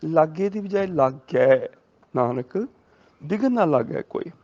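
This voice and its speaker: A man with a Punjabi accent who teaches the correct pronunciation of scripture, chanting each verse slowly and then explaining it. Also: a little high, expressive, darkish tone, muffled recording. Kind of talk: slow recitation and correction of scripture.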